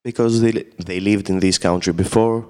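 Guy, really low smooth voice, short answers, echoey reverb. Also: fairly even intonation, brisk, dark tone. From Greece. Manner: short plain statements. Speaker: podcast guest. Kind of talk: casual discussion answers. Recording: reverberant room.

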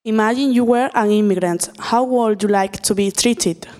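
A woman hosts, putting short, direct questions to her guests in a mid-pitched voice. The recording has a long reverberant ring. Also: moderate pace, darkish tone. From Spain. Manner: brief, question-led. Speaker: podcast host, interviewer. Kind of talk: reading interview questions. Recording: reverberant room.

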